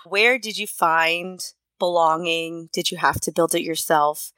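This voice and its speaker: Calm woman asking interview questions. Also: lowish voice, unhurried, clean tone, dry recording. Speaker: podcast host.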